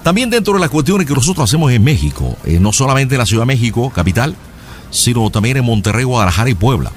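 A man's voice: mid-range voice, very animated, fast, soft background music, lightly acted. A man playing a polite, rambling Cuban surgeon with a Cuban accent in a prank phone call. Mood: smooth, courteous. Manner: formal, rambling, many hesitations. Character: smooth-talking male Cuban surgeon, middle-aged, overly polite. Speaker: prank caller.

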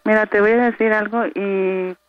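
A woman's voice: mid-range voice, fairly even intonation, normal speed, no room sound. A woman with a Mexican accent pleading emotionally with a partner over the phone. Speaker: caller playing a prank on a partner. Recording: radio phone call with music behind.

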